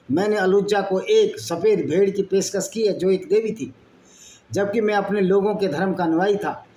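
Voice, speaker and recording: A man's voice: high-pitched, a little mellow. A man reading passages aloud and breaking into blunt, argumentative asides as a channel host. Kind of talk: reading and commenting on texts. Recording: echoey room with faint background noise.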